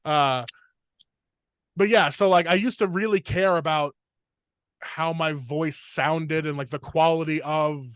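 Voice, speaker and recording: A man's voice: on the high side, fairly even intonation, clear, resonant tone, no room sound. Rambling man, dry close mic. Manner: rambling, filler-heavy, fast torrent of words. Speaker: podcast host, comedian. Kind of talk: casual podcast chat.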